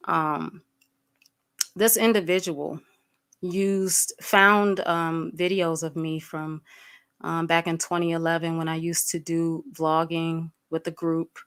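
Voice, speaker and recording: This livestream host, a woman in her thirties, has a low, clean, slightly bright voice with a level tone and slow delivery. She's blunt, heated, and foul-mouthed, leaning on fillers as she speaks straight to her chat and welcomes viewers by name.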